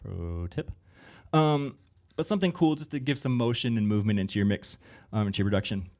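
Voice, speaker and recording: Casual rambling man, lowish voice. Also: brisk, a little mellow. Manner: casual, rambling, heavy on fillers and asides. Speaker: music producer and engineer giving a workshop. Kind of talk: live conference talk. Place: conference room with a live audience.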